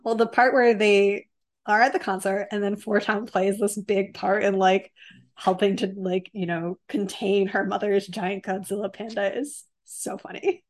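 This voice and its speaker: A woman chatting casually about a film, animated and full of fillers. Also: mid-range voice, unhurried.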